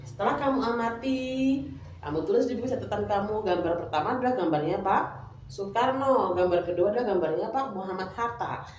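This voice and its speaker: A woman's voice: medium pitch, brisk, darkish tone, slight background noise. A woman teacher leading a class, coaxing her pupils with questions. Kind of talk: classroom lesson. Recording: echoey room, mic far off.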